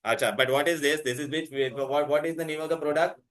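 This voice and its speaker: A man with an Indian accent teaches a chemistry class, talking fast in a slightly high voice with fairly even intonation. He insistently repeats himself, quizzes his students, and mixes Hindi words into his English.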